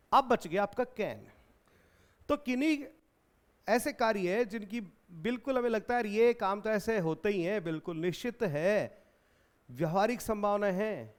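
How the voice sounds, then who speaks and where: A man from India teaching an exam-prep English grammar lesson in Hindi, explaining and repeating questions back to his students. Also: sits high.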